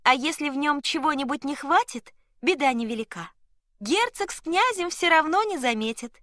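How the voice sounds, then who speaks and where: A storyteller voicing a wise, kindly female goose who calmly reassures a frightened dwarf in a storybook reading. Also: high-pitched, normal speed, dry recording, clean studio sound, voice pushed up. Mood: reassuring. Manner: calm, reassuring, helpful.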